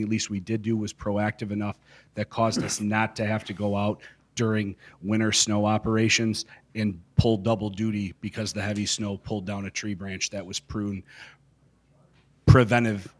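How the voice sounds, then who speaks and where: A middle-aged man giving a measured, formal report to a city council into a handheld mic in a council chamber. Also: fairly low pitch. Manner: measured, steady bureaucratic delivery. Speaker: city public works staff reporting to council. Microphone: handheld microphone.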